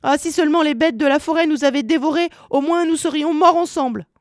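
A woman's voice: high voice, moderate pace, a little mellow, no echo, studio quality, voice pushed up, lightly acted. A woman voicing a frightened little girl who pleads through tears. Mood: tearful. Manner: tearful, pleading.

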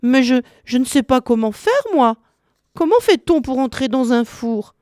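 A woman's voice: sits high, normal speed, darkish tone, no room sound, clean studio sound, voice pushed up, natural voice. A woman voicing a frightened little girl who pleads through tears. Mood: feigned naive. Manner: tearful, pleading.

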